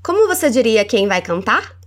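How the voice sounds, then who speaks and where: A woman with a Brazilian Portuguese accent hosting a language lesson podcast. She is encouraging and slows down to model English words for the listener to repeat. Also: on the high side. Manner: animated and encouraging, models words slowly for repetition. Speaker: English teacher and podcast host.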